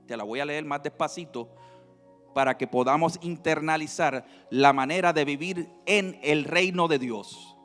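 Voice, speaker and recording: A male pastor preaching a sermon, swinging between loud emphasis and quiet, drawn-out teaching. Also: on the high side. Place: church sanctuary. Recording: reverberant hall with faint music.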